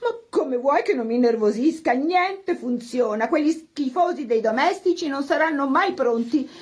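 A woman voicing a snobbish social-climbing mother, bossy and fretful, in a shrill raised voice. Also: animated, normal speed. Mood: frantic fretting.

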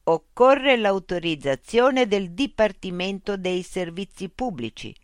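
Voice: mid-range voice, animated, a little slow, no echo, clean studio sound, voice pushed up, close to an everyday voice. A narrator voicing a cold bureaucratic machine information unit that recites rules in a rigid, officious way. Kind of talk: audiobook character voice.

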